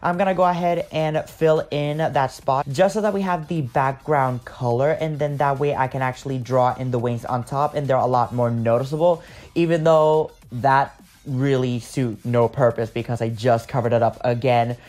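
A man's voice: medium pitch, steady tone, normal speed, darkish tone. A man talking casually over his makeup video, chatty and rambling, with lots of fillers as he explains each step. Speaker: makeup artist.

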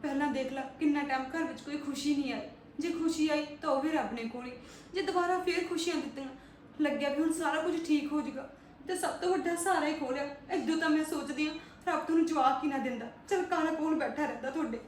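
A woman acting in a family drama, comforting and insisting in a quick, firm way. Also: high voice. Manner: comforting, insistent, fast-talking. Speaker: actor in a family web drama. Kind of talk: scripted family drama dialogue. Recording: echoey room, far from mic, faint noise.

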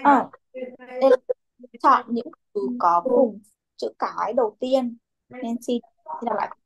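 A young woman teaching a children's English class, with a somewhat high voice. She patiently calls on pupils by name and repeats their answers back to them. She slips English words into her instructions. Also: a little slow, vocal fry, breathy edge.

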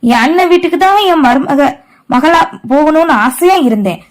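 A woman's voice: high-pitched, expressive, moderate pace, pitched above the performer's own voice. A woman voicing a distraught middle-aged mother who wails and laments over her daughter. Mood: lamenting. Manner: wailing, lamenting.

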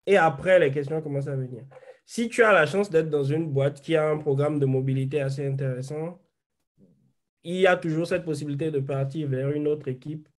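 A man's voice: a little high, steady tone, brisk. A young man on a video call, reflectively explaining his view step by step as a panelist. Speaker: panelist, software engineer. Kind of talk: online panel discussion.

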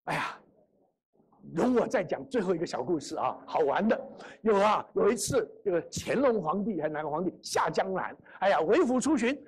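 A woman's voice: fairly low pitch, very animated, brisk, slightly rough. A middle-aged woman preaching a gospel sermon in a church meeting hall, telling a story and acting out its dialogue.

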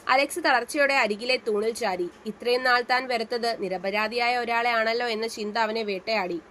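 A woman storyteller calmly reading a story aloud. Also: fairly high pitch, moderate pace, slight background noise. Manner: calm, steady reading aloud. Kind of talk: scripted story narration.

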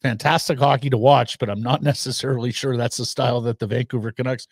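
A middle-aged man talks through the game at an even, mid-range pitch, laying out minutes and plus-minus numbers one by one. The sound is dry and close, with barely any room on it, and comes from a boom mic in a small home studio. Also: husky, no echo. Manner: measured, analytical, lists stats. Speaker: podcast co-host. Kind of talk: casual sports analysis. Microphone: studio mic on boom arm with headphones.

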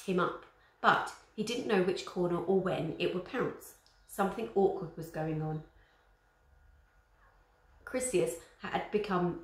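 A female teacher reading a children's chapter book aloud, with chatty asides to young listeners. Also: fairly low pitch. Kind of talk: storybook read-aloud. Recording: roomy echo.

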